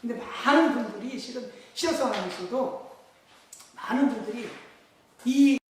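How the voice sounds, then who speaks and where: A pastor with a very high-pitched voice preaches at a moderate pace in a church hall, asking the congregation questions and then answering them himself. The mic is far off, so the recording sounds echoey, with a little hiss or hum.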